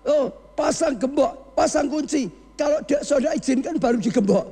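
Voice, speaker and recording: High-pitched gravelly pastor preaching. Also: male voice, moderate pace, long reverb tail. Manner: calls the congregation "saudara", asks questions, swings from low to raised shouting. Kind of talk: sermon.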